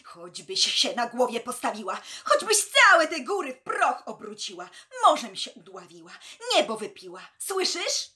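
A woman's voice: fairly high pitch, big pitch swings, normal speed, hardly any pauses, pitched above the performer's own voice. A woman playing a furious, defiant male constructor. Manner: defiant, shouting.

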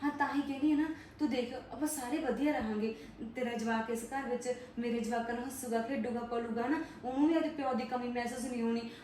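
In a scripted family web drama, a woman actor comforts someone while insisting on her point, talking fast and firmly. Her voice is fairly high and darkish with a steady tone. The recording sounds echoey, with her far from the mic and faint noise in the background.

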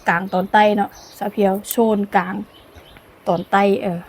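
Lao woman vlogger, easygoing cook-along chat, mid-pitched, laughs a lot, outdoors on camera. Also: little pitch movement, moderate pace. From Laos. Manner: chatty, laughs often while talking. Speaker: cooking vlogger. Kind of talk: casual cooking vlog chat. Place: outdoors in sunshine. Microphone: camera filmed by her niece.

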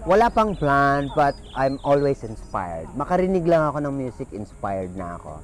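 A man's voice: mid-range voice, very animated, moderate pace, a little hiss or hum. A Filipino man in his fifties, a pole dance teacher, musing and searching for words as he switches between Tagalog and English. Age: 50s. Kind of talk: reflective interview, mixing Tagalog and English. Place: outdoors by a river.

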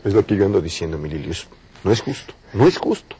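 A folksy servant. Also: male voice, deep voice, animated, fast talker, mellow, slight background noise. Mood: consoling. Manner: folksy, rambling talk with regional Mexican turns of phrase. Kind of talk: telenovela acting.

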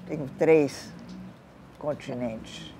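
Lively older woman talking in a garden. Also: sits low, drawn-out words, over loud music. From born in Africa, of Italian culture, living in Brazil. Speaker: guest, writer. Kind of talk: reflective interview answers. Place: outdoor garden patio.

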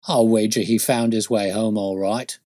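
Storybook police constable, read by a male narrator: plain working man, rough grammar, easily put out, dry close sound. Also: on the low side, steady tone, moderate pace, warm tone, no echo, natural voice. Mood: irritated, aggrieved. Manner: colloquial, ungrammatical working-class speech. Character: uneducated, defensive London police constable, mystified and aggrieved.

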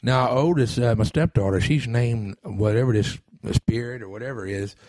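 A man's voice: medium pitch, a little fast, darkish tone, no echo, studio quality. A man hosting a podcast, telling a rambling story in casual chat, cursing freely and restarting his sentences. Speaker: podcast host.

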